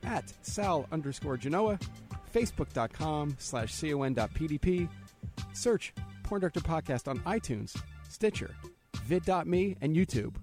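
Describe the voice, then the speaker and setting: A man from New Jersey hosts a podcast from a studio, brash and joking, swearing freely as he chats with guests and reads out plugs. His voice sits on the high side with big swings in pitch, and he talks at a moderate pace. Music plays in the background.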